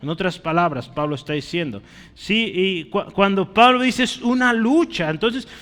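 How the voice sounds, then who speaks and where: A man's voice: sits high, animated, moderate pace, a bit bright, clear, resonant tone, in a large hall. A man preaching a teaching sermon, explaining step by step, often checking that listeners follow and calling them brother. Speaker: preacher teaching a Bible study.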